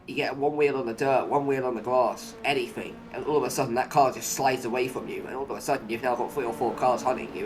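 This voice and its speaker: A man commentating live on a motor race, play-by-play, narrating each move and posing running questions. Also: mid-range voice.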